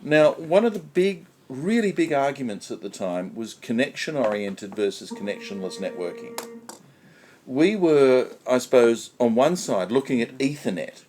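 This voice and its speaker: A man's voice: medium pitch, sing-song, moderate pace, a little mellow. A man on a conference panel explaining technical history step by step, repeating key points for emphasis.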